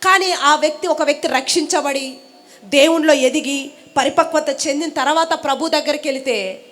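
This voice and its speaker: Woman pastor delivering a church sermon with a high voice, asking the congregation questions and repeating lines for emphasis. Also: moderate pace, a bit bright. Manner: rhetorical questions, call-and-response preaching. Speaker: preacher. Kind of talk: Telugu sermon.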